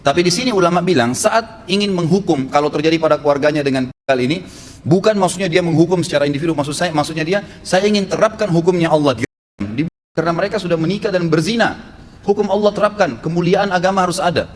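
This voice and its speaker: A man's voice: on the high side, fast. A man preaching a sermon with blunt, emphatic advice. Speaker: Islamic preacher. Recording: long echo in a hall, faint noise.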